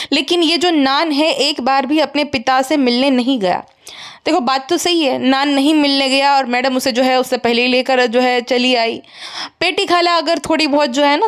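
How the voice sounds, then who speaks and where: A woman with a high voice delivering scornful, sarcastic commentary in a casual roast style. She talks straight to her viewers, picking other creators apart. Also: clear, resonant tone.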